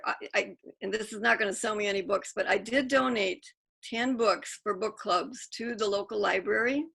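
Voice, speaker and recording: A woman's voice: mid-range voice, gravelly, sharp tone. A middle-aged woman author on a video call, talking in a chatty, self-interrupting way. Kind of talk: casual Zoom Q&A.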